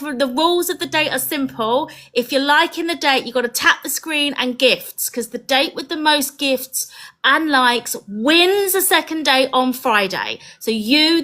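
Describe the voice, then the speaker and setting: High, bright-voiced woman hosting. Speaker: dating show host. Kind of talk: informal live hosting.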